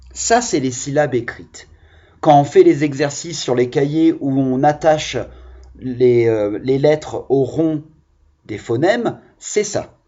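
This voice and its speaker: A man teaching young children in a lively, sing-song voice that rises and falls a lot. His tone is slightly husky and a little high, and he speaks slowly, drawing out each key word so small children can follow. The recording sounds dull and lo-fi. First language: French. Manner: patient, slow and encouraging, stretching out key words. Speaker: primary school teacher.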